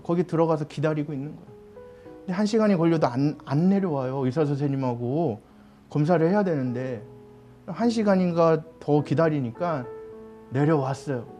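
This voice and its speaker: A middle-aged man preaching a sermon in a church, telling his story and acting out other people's words. His voice sits a little high but sounds mellow and dark. Faint guitar plays softly beneath him. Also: normal speed. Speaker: pastor. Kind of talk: sermon with personal testimony.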